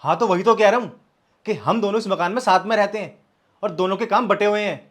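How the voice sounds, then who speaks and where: A man's voice: sits high, quick pace, natural voice. An actor playing a proud young man who argues defensively with his partner, then turns cold and bitter. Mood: angry. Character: young man, proud, hurt, coldly walking out. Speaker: live-in partner. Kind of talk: scripted short-film acting.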